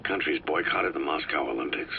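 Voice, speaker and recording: An actor playing a gruff, terse veteran soldier in a video game, with a gravelly, low-key voice. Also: male voice, fairly quick. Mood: terse, questioning. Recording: dull cassette tape with faint noise.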